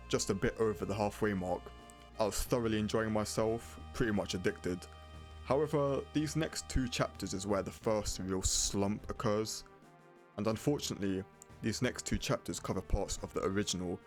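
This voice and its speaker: Low-voiced male game reviewer over music. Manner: blunt, casually sweary. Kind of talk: scripted review narration. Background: prominent music.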